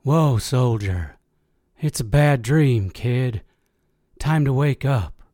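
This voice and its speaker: A man voicing a kindly old man who gently wakes a sleeping passenger. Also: mid-range voice, animated, takes it slowly, no room sound, studio quality. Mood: gentle.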